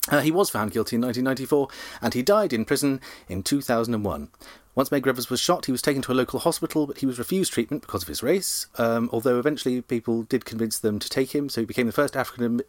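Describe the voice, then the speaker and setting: A man co-hosting a podcast, reading out history facts in a relaxed way with dry jokes and many ums. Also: mid-range voice, dry recording. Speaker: podcast co-host.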